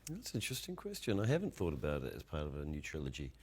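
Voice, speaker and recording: Laughing New Zealand man, lively pitch. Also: very fast, breathy edge. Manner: self-deprecating, laughs often. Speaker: film director. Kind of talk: casual interview chat.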